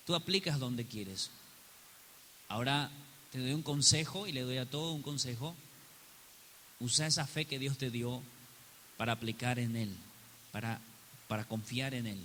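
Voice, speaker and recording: A man's voice: on the high side, bright, forceful tone. A man, a pastor, preaching a sermon to his congregation and repeatedly asking them "yes or no?". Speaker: pastor and prophet. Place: church hall. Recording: reverberant hall with faint hiss.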